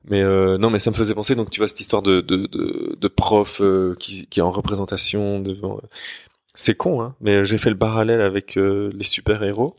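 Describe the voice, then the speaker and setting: A man's voice: lowish voice, flat delivery, normal speed, no echo, studio quality. A man hosting a casual podcast, asking questions and groping for words. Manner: hesitant, searching for words.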